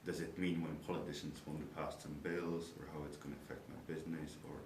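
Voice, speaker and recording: Extremely low and fast, with little rise or fall, this is the voice of a young man from the Czech Republic whose first language is Czech. As a university student, he gives interview answers about his studies in searching, nonnative English, pausing to think. Echo, a noisy background and a far-off mic mark the recording.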